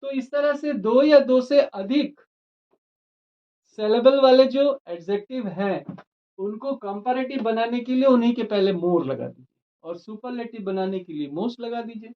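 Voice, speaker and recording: Male teacher, unhurried and methodical, explains grammar rules on a dull lo-fi recording. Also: very high-pitched. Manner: slow and deliberate, spells words letter by letter.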